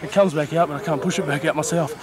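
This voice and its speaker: A man speaks. He talks casually, like a player on the pitch, with loud crowd noise all around him. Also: fairly even intonation, fast. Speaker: rugby player. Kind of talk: casual on-field talk. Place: outdoor rugby ground. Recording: outdoor sports field, loud crowd noise.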